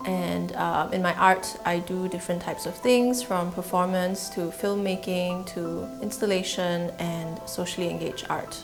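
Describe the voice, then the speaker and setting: Woman, low, measured voice. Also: steady tone, over music. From Singapore. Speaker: artist. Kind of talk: documentary interview.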